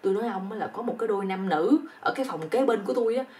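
A woman's voice: mid-range voice, expressive, rapid-fire, dark tone, recorded from a distance, lightly acted. A woman with a Southern Vietnamese accent voicing a panicky young male hotel guest who keeps repeating himself. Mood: panicked.

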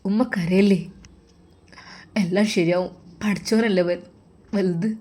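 A woman's voice: medium pitch, fairly even intonation, takes it slowly, dark tone. A woman voicing a grown son who reasons and mildly protests with his mother, in a Malappuram Malayalam accent. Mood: protesting. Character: grown son, dutiful and a bit stubborn.

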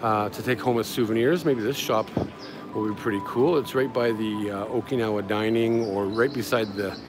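A travel vlogger and guide livestreams a walking tour of a busy outdoor market street, his commentary casual, offhand and rambling. His voice is on the low side at a moderate pace. Sounds of the street crowd and vehicles passing by surround him.

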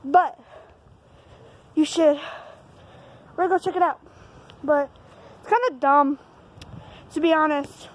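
A woman's voice: sits high, slight background noise, poor audio. A female vlogger talking casually outdoors in a backyard, rambling and often losing her thread, blunt and swearing.

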